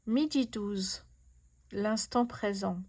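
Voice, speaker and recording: Slow and darkish in tone, a medium-pitched woman hosts a casual tarot reading, addressing viewers with effusive awe and repeating herself in wonder. A faint hiss or hum sits under the audio.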